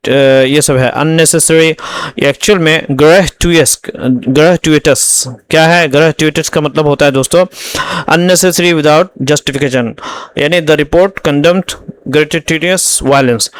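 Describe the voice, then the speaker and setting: A man teaching English vocabulary. He goes through the words one by one, reads the English examples slowly and then explains them. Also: a little high, clear, resonant tone. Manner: addresses students as friends, explains words one by one. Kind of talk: vocabulary lesson in Hindi.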